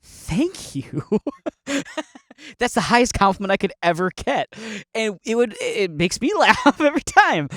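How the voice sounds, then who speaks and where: A man's voice: high voice, a bit bright, no room sound, clean studio sound. A man hosting a casual solo podcast monologue, laughing often as he talks and rambling through restarts while sipping brandy. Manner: rambling with restarts and quick mock voices. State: drinking brandy. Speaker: podcast host.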